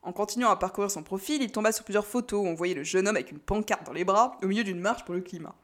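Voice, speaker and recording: Calm woman reading a novel aloud. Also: medium pitch, fast talker. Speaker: audiobook narrator. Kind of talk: scripted narration.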